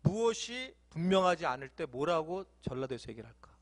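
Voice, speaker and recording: A man's voice: fairly high pitch, very animated, fairly quick. A male pastor preaching a sermon in a church, playful and often laughing.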